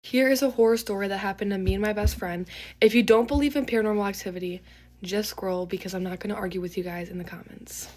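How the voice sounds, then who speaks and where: A woman's voice: mid-range voice, fairly even intonation, fast, darkish tone, slight background noise. A woman telling a casual storytime in a chatty, rambling way with lots of fillers.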